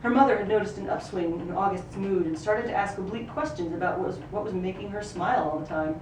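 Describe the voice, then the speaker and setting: Distant and echoey, a woman with a medium-pitched voice reads fiction aloud fast. An actor at a live reading, she narrates a book excerpt in the third person, the roomy venue and far microphone bringing in noisy ambience.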